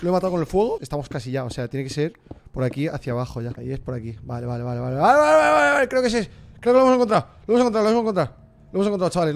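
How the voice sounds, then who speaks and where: A young man from Spain with a Spanish accent, commentating a live game stream, excitable and swearing, shrieking when scared and cooing at his in-game pets. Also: mid-range voice. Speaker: gaming streamer.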